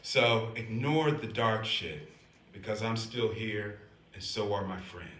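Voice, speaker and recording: Bright older man telling stand-up stories. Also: slow pace. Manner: animated, swings from loud laughing bits to low somber asides. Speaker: stand-up comedian. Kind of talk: stand-up storytelling. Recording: echoey room with faint noise.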